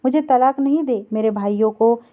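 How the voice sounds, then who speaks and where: Woman narrator voicing a fearful pleading young wife, high-ish, lo-fi. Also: moderate pace, lightly acted. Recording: dull lo-fi recording.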